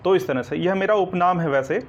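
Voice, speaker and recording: The recording is dull and lo-fi: a man with a fairly high voice briskly teaches Hindi grammar in an online coaching lecture. He goes step by step, repeats "ठीक है ना" to check in, and asks questions back that he then answers himself.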